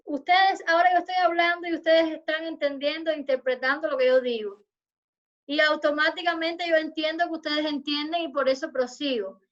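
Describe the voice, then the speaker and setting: High-voiced woman giving an online lecture. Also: fairly even intonation, muffled recording. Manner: measured, explanatory, addresses students formally. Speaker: university lecturer. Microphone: video call.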